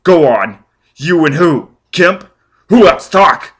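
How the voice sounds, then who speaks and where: A man performs an audiobook character, a vengeful, ruthless figure barking menacing threats and demands in shouting rage. He speaks a little slowly, with a fairly low, somewhat bright voice.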